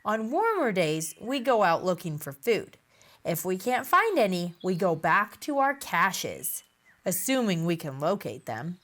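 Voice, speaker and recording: A chattering, forgetful fox squirrel with a high, bouncy storybook voice, as a woman reads it out. The voice swoops up and down with lively pitch, and she takes it slowly. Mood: excited.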